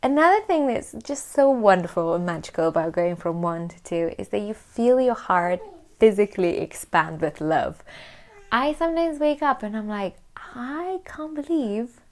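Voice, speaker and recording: A woman's voice: mid-range voice, very animated, normal speed. A woman, chatting candidly to camera as a vlogger and laughing often. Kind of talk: casual chat to camera.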